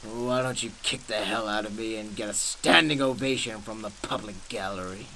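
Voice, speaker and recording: An actor playing a manic, mocking supervillain clown in a radio drama, theatrical and halting, prone to giggles. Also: male voice, fairly low pitch, bright, forceful tone, a little hiss or hum, poor audio. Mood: bitter, taunting. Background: music.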